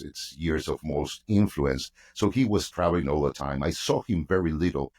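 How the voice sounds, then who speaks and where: Man, Peruvian Spanish accent, native Spanish speaker, very deep voice, polite, halting speech. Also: a little mellow. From Peru. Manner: polite, hesitant, many restarts. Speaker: guest, travel company founder. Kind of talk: conversational interview.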